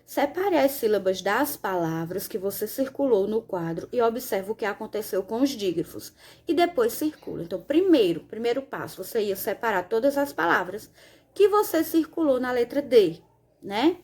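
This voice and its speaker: Patient woman teacher, slightly high voice. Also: lively intonation, darkish tone, slightly rough. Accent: Brazilian Portuguese. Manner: patient, spells letters out slowly, says "né?" and "ó" often. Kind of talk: recorded lesson explaining exercise answers.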